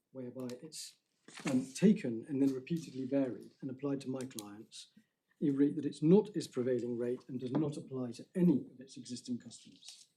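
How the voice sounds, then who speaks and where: A man's voice: medium pitch, dark tone, a little hiss or hum, rough recording. A man, a barrister making a careful legal submission in court, stressing key words and restarting phrases.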